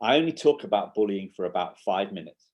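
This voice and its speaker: Speaking with a Yorkshire accent, this guest, an educational publisher and school workshop speaker, has a lowish, darkish voice with lively intonation, captured on a muffled recording. In the conversational interview he explains in short, halting bursts, restarting often and using plenty of fillers.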